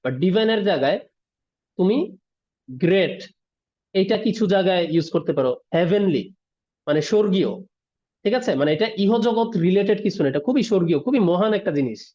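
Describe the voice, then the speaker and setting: A man's voice: high voice, lively intonation, a little fast, pauses often, warm tone. A man teaching English in an online class, explaining word meanings and checking in with students after each point. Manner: explains word by word, mixing English terms, asks "ঠিক আছে?". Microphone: video call. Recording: dull lo-fi online class audio.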